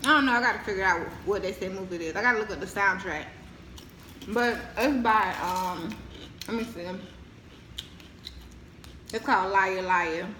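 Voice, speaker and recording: An American woman talks casually to her viewers as she crunches on chips and ice. Her phrasing is informal and repetitive, at an ordinary pitch. The room adds a clear echo, with faint noise underneath. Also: normal speed, long pauses, sharp tone. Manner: chatting between bites while crunching chips and ice; informal, repeats phrases for emphasis. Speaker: mukbang vlogger. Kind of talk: casual chatty eating show.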